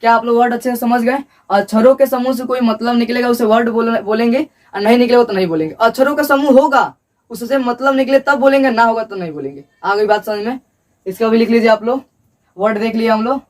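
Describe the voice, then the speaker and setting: A man's voice: very high voice, fast, distant mic. A male teacher giving a classroom lecture at a board, repeating points and asking and answering his own questions.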